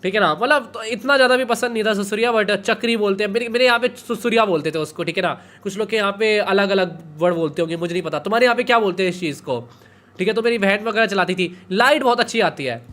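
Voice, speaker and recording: Chatty high-voiced man reacting casually. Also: fast talker, fairly bright tone. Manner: chatty, keeps adding "okay?" tags. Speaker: streamer reacting to a video. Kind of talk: casual chat.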